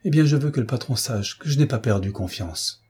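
A man reading an audiobook voices a young condemned prisoner who pleads in a breaking, high voice. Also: expressive, a little fast, mellow, slightly rough. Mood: resigned soft.

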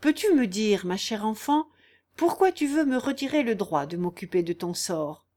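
A woman reading aloud, voicing a proud, protective gentleman with a haughty, indignant manner. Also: mid-range voice, very animated, normal speed, lightly acted. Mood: earnest.

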